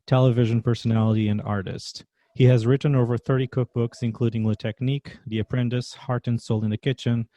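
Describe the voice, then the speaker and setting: A man's voice: mid-range voice, mellow, dry recording. A man from Portugal with a Portuguese accent, hosting a podcast interview with an upbeat, scripted welcome. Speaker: podcast host.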